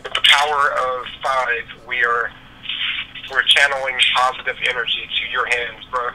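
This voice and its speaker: A man's voice: mid-range voice, flat delivery, moderate pace. A man co-hosting a live video game stream over a phone line, joking and chatting with his friend and the viewers. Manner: jokey, bantering, talks to viewers. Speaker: co-host commenting on a video game match. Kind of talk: casual live-stream chat. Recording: faint noise, phone line.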